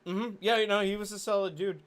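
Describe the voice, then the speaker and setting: A man's voice: high-pitched, steady tone, brisk, over a noisy crowd. Wry, easygoing man with a lighter voice. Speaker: stream co-host. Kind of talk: casual chat.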